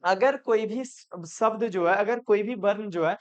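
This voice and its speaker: A man's voice: sits high, a little slow, muffled recording. A male teacher giving a classroom grammar lesson, repeating points and asking and answering his own questions. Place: classroom with students.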